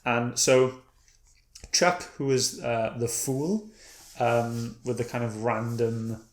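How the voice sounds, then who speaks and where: A man's voice: mid-range voice, fairly even intonation, slow pace. A man casually reviewing a comic book, retelling the story in a meandering way and often correcting himself mid-sentence. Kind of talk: casual read-and-review chat. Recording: echoey room.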